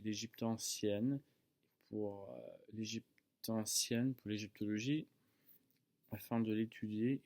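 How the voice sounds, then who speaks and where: Young american guy, early 20s, chatting in hesitant non-native french, kinda low voice, slow, stops to find words. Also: darkish tone. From United States. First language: English. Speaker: student video maker. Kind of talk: casual talk to camera.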